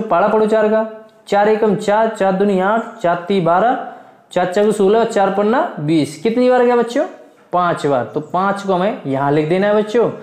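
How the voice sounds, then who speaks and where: A man teaching division to young children. He keeps calling out to them, asks and answers his own questions, and chants multiplication tables slowly. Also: high-pitched, a little mellow, roomy sound. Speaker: math teacher. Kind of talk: classroom lesson for children.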